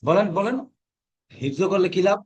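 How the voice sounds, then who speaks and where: A man's voice: high voice, normal speed, a little mellow, a little hiss or hum. Man drilling a class with questions. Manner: asks questions and repeats answers, drills pronunciation. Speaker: Quran teacher. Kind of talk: teaching a class, call and response.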